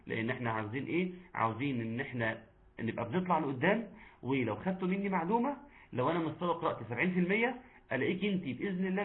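A man with an Egyptian accent teaching Quran recitation in an online lesson, chatting with the class, quizzing them and chanting verses slowly. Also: mid-range voice. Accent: Egyptian Arabic. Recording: tinny phone-like line.

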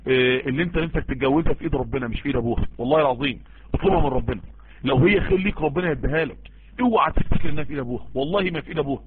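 Fast-talking Egyptian preacher on a tinny line. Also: male voice, medium pitch, slight background noise. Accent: Egyptian Arabic. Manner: earnest, emphatic, addresses listeners directly and repeats for stress. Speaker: preacher answering listener messages. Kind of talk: informal Islamic sermon and advice.

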